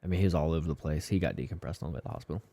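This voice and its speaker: A man's voice: a bass voice, racing, warm tone, breathy edge, no echo. A man who works as a firefighter, co-hosting a casual podcast with wry, joking asides. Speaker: firefighter co-host. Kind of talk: casual chat.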